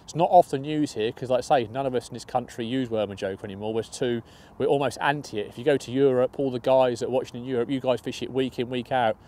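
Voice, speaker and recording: Outdoors by a lake, a young match angler casually walks viewers through his fishing bait, upbeat and conversational, sometimes restarting phrases. His mid-range voice is warm and fast with fairly even intonation, and a little hiss or hum sits in the audio.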